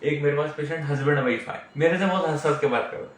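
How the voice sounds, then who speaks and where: A man's voice: a little high, fast. Middle-aged man lecturing in an echoey room. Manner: explains with frequent tag questions. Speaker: homeopathic doctor teaching case taking. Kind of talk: explanatory lecture. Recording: very echoey room, mic far off.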